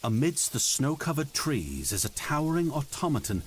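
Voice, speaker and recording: A man reading a game's story text aloud with an expressive storytelling delivery. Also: mid-range voice, moderate pace, a little hiss or hum. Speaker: game narrator.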